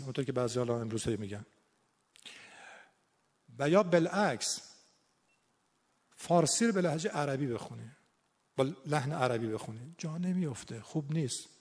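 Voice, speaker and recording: Higher-voiced man in a reverberant hall. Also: animated, long pauses, darkish tone, husky. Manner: earnest and explanatory, quotes Arabic verses and sayings. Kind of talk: conversational explanatory talk.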